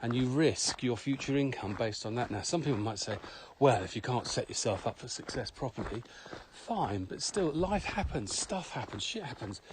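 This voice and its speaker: Chatting casually as a podcast co-host, this man has a medium pitch and an animated delivery at normal speed, pausing little. He makes his points emphatically and opinionatedly, circling back to the same phrases. Noise and clicks are clearly audible behind him.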